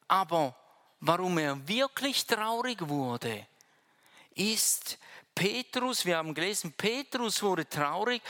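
A pastor preaching a sermon to the congregation, swinging between hushed, low phrases and loud, raised ones, and talking to the listener directly and informally.

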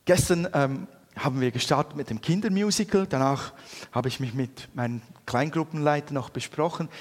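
A middle-aged man with a Swiss German accent, telling a personal story in a sermon with lively, animated delivery. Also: medium pitch. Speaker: preacher. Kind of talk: anecdotal sermon. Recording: long reverb in a hall.

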